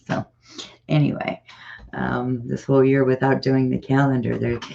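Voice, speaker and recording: An American host from Ohio with a gravelly smoker's rasp, giving casual, rambling, upbeat community announcements. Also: mid-range voice, mellow. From Ohio, United States. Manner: rambling, informal, upbeat encouragement. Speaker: host of a local community events show. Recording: dull, muffled lo-fi sound.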